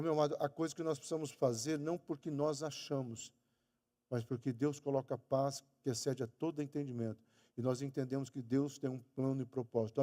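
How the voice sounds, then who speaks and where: Emphatic Brazilian male preacher in an echoing hall. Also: mellow. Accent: Brazilian Portuguese. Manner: emphatic, stretching key words and raising pitch on quoted lines. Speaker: pastor. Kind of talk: sermon. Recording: long church hall reverb.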